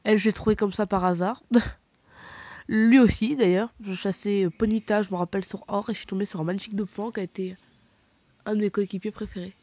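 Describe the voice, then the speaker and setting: A woman chats casually to her viewers about her game collection, stumbling over names and correcting herself often. Her pitch sits in a middle range. The recording is dry, with no room sound. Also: fairly even intonation, brisk, warm tone, no room sound. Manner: rambling, hesitant, many fillers and self-corrections. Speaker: gaming vlogger.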